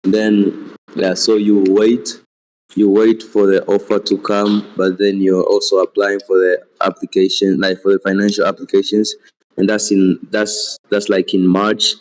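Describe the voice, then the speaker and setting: A young man with a Tanzanian accent, a student explaining the application stages, halting and repeating himself. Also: fairly low pitch, level tone, a little mellow, poor audio. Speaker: student sharing experience. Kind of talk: seminar talk.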